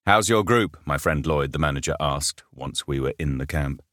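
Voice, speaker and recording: A man's voice: extremely low pitch, level tone, normal speed, a bit bright, no room sound. A man who once worked as a safari guide, telling a story with wry, dry humour. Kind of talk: storytelling narration.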